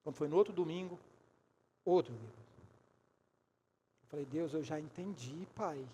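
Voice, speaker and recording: Animated high-voiced Brazilian preacher. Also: male voice, a little hiss or hum. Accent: Brazilian Portuguese. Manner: animated, acts out dialogue, swings from hushed to loud. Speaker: bishop. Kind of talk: sermon with storytelling. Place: church sanctuary.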